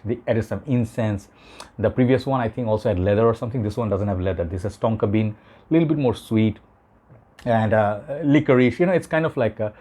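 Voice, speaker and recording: A man's voice: fairly low pitch, mellow. A man giving a casual, rambling vlog review, his voice weakened and ghostly as it recovers from illness. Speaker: fragrance reviewer.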